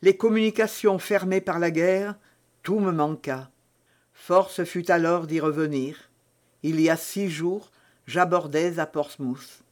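A man's voice: fairly high pitch, takes it slowly. A man voicing a desperate, seductive noblewoman held captive, pleading theatrically in an audiobook reading.

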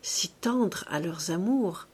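A woman reading a novel aloud in a measured, expressive narration. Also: on the low side, husky. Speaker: audiobook reader. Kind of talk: scripted literary narration.

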